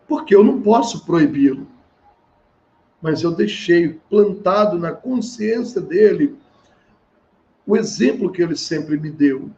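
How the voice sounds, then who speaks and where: A man's voice: on the high side, darkish tone. A middle-aged man, a family therapist telling stories in an earnest seminar talk and acting out the dialogue. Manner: earnest, acts out quoted dialogue. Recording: slightly dull with faint hiss.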